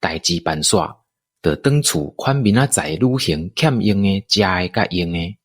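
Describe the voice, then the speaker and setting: This radio drama narrator is a Taiwanese man whose low-pitched delivery has very lively intonation and expressive storytelling. His pace is a little slow, and the studio sound is dry.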